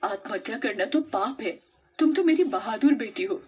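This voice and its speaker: A woman voicing a dead mother who has returned as a witch spirit, gently scolding and comforting her daughter in a cartoon story. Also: a little high, lively intonation, normal speed, husky, highs cut off, pitched above the performer's own voice. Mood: consoling. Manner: gentle, admonishing.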